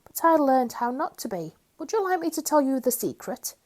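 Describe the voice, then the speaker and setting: A woman gives voice to a kind-hearted tramp from a children's story, speaking gently and calmly. His tone is soothing and unhurried, with a slightly raised pitch. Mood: gentle. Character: kindly, gentle male tramp.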